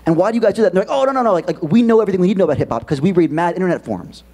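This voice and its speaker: A man gives a keynote to a school audience, his voice rising and falling in a lively way. He talks quickly and casually, with many fillers and restarts. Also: sits high. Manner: animated, quick conversational delivery with many fillers. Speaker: keynote presenter. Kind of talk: keynote talk to students. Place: school auditorium.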